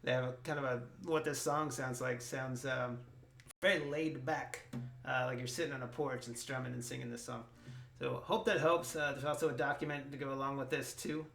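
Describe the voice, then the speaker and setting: A man giving a casual guitar lesson in a relaxed way, with frequent ums and restarts. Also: mid-range voice, normal speed, gravelly. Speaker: guitar teacher. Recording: roomy sound with loud guitar. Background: his own guitar playing.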